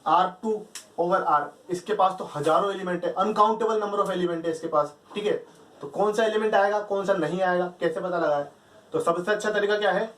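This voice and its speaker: A man's voice: sits high, a bit bright. A man teaching a math lecture, explaining step by step and answering his own questions. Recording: echoey room, distant mic.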